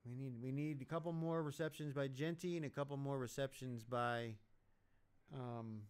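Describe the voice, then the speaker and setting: A man's voice: medium pitch, steady tone, normal speed, clear, resonant tone. A man hosting a live sports betting stream, giving blunt, profane, rambling reactions to the game as it plays. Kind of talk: casual live game commentary.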